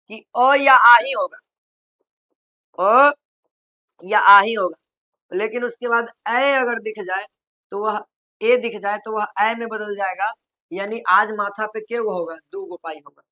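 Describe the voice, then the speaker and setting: A woman teaching a grammar lesson for exam preparation. She asks the class questions, answers them herself, repeats them again and again, and draws out example words slowly. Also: medium pitch, sharp tone.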